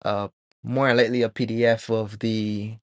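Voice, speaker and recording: A man's voice: fairly low pitch, normal speed, dry recording. Man from Barbados, dry close sound. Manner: relaxed, rambling, thinks aloud with many ums. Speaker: 3D artist live streamer. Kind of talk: casual live stream talk while working.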